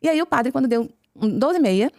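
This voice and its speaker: Fast-talking Brazilian woman telling her story. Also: high voice, vocal fry, dry recording, studio quality. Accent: Brazilian Portuguese. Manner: lively storyteller who acts out dialogue. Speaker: podcast guest. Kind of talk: conversion testimony told as a story.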